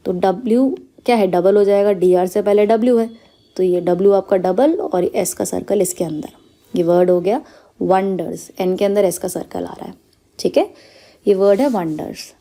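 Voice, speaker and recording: Speaking at a normal speed in a mellow, mid-range voice, a woman leads a step-by-step shorthand lesson. She explains every rule patiently, uses English terms along the way, and frequently asks "clear?" or says "okay" to make sure her students keep up.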